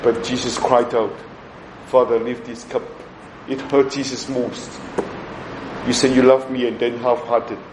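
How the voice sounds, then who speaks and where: Slow priest guy preaching, echoey room, bit of background hum. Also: mid-range voice, flat delivery. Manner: slow, reflective, with pauses and asides. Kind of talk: sermon with prayer reading. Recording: echoey room with faint ambience.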